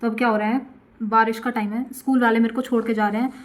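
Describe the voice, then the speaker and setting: A woman's voice: fairly high pitch, fast. A chatty woman from India telling a dramatic storytime about her school days, repeating herself for effect. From Gurugram, India. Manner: animated, repeats questions. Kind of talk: storytime vlog.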